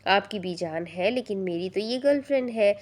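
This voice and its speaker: A woman's voice: medium pitch, lively intonation, normal speed, darkish tone, lightly acted. Woman voicing a cheeky little boy. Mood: teasing. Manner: chirpy, teasing.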